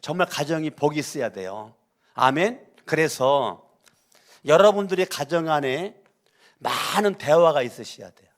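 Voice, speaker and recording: Animated, lively Korean pastor preaching. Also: male voice, fairly high pitch, a little slow. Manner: preaching with dramatic swings between loud scolding and soft pleading; repetitive, rhetorical questions to the congregation. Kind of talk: sermon.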